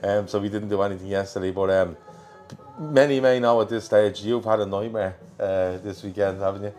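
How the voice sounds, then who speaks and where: A man's voice: on the low side, steady tone, a little fast, a little mellow, faint music behind. An Irish man hosting a football show as a casual live chat, in a colloquial, matey manner. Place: pub in Liverpool. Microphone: worn mic.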